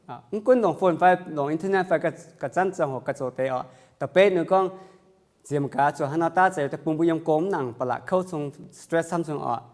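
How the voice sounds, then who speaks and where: A man preaching a church sermon, halting with many fillers and repeats and mixing in English words. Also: a little high, a little mellow.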